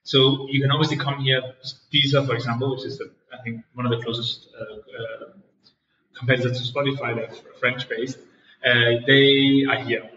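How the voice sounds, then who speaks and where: In a distant, dull recording from an echoey co-working space office, a man from Denmark in his thirties answers interview questions as a startup founder. His medium-pitched voice moves little in pitch at a normal pace, and he hesitates with many fillers and restarts. Background noise is audible.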